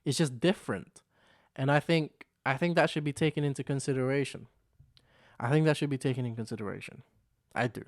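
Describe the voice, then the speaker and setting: With a mid-range voice and a slightly fast pace, a young man hosts a relaxed solo vlog picked up by his camera's microphone. He's from the Philippines but has lived in London since his teens. Rambling and repetitive, he leans heavily on "you know what I'm saying".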